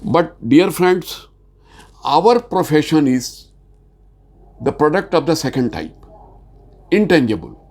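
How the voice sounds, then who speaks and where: High-leaning and dark in tone, this man's voice swings widely in pitch. Hailing from Bihar, India, he speaks Hindi-accented Indian English while presenting insurance training, slow and hesitant with lots of "uh" fillers and voice climbing on key points.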